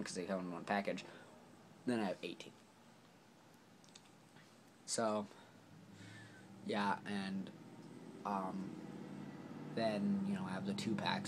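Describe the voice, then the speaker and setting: A man talks through an action figure review into his camera, rambling and full of fillers. He keeps apologizing as he goes. His voice sits a bit low, with faint hiss behind it. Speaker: toy reviewer. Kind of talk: casual toy review vlog.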